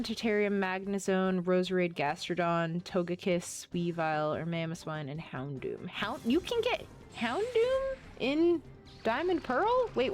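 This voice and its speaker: A woman streaming a game, chatting casually, rambling and often gushing as she plays. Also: medium pitch. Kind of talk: casual live-stream chat while playing.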